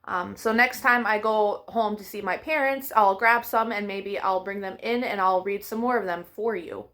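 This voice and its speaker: Reading picture books expressively to young children, this storytime host adds playful sound effects to an animated read-aloud. Her voice is mid-range and a bit bright, at a normal speed.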